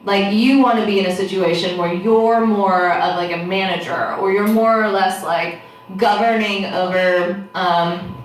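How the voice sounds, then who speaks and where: A woman's voice: medium pitch, fairly even intonation, a little slow. Woman, tarot fortune teller, casual unscripted card reading, hesitant thinking aloud, strong room echo, distant microphone. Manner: fortune teller giving a card reading, addressing the listener directly. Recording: echoey room, distant mic, background noise.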